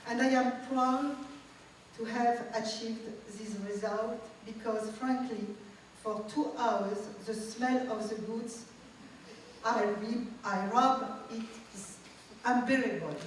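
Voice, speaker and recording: Woman in her 60s, slow reflective memoir reading, echoey hall, some hiss behind. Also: fairly high pitch, fairly even intonation. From Tunisia. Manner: measured, reflective storytelling. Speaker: guest speaker. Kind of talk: reading a personal memoir aloud. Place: large event hall. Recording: echoey hall, distant mic.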